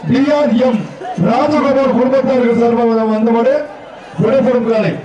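A man from Tamil Nadu calling out live commentary and shouted warnings at an outdoor bull-taming event, heard through a loudspeaker. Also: extremely high pitch, steady tone, highs cut off. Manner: shouted warnings and rapid calls. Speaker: event announcer. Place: outdoor festival arena. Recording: echoey loudspeaker from far off, loud crowd. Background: crowd noise.

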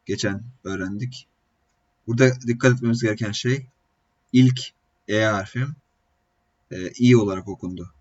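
A man's voice: fairly low pitch, a little mellow, slightly rough. A man teaching an online language lesson, explaining step by step with frequent hesitation fillers. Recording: dull lo-fi recording.

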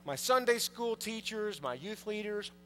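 A man's voice: high-pitched, expressive, measured pace, pushed and bright. A man in his thirties, a priest, preaching a conversational sermon from the pulpit and putting questions to the congregation. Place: large church, indoors. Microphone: pulpit mic, far camera. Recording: long church reverb, faint mains hum.

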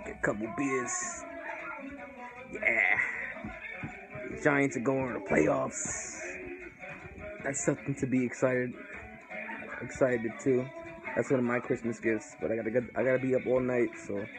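A drunk young man rants casually into a close camera at home. His talk is loose and slangy with swearing thrown in. Music or TV plays clearly in the background. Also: medium pitch, fairly even intonation, measured pace, pauses often, poor audio. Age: young adult. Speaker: vlogger in comic drunk-elf persona. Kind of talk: casual rambling rant to camera. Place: indoors on a couch in a living room. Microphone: phone or webcam held close.

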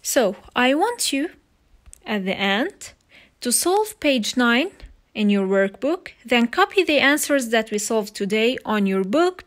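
A woman teaching young children English over slides, slow and patient, repeating each word. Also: high-pitched. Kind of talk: recorded slide lesson for children.

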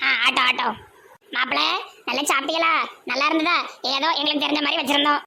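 A woman's voice: sits high, steady tone, vocal fry, pushed and bright, slight background noise, exaggerated voice. A woman voicing a chatty, generous middle-aged village aunt with a Tirunelveli Tamil accent. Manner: gossipy, fast chatter.

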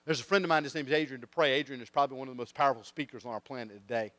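A man preaching a sermon, telling stories and swinging between quiet intensity and loud rising emphasis. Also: medium pitch, racing, no room sound. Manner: tells stories with quoted voices.

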